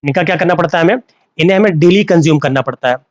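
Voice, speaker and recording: Male teacher, live class on a phone, a bit high-pitched, dry close sound, repeats terms as questions. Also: rapid-fire, no room sound. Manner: repeats key terms as questions to students, mixes Hindi and English.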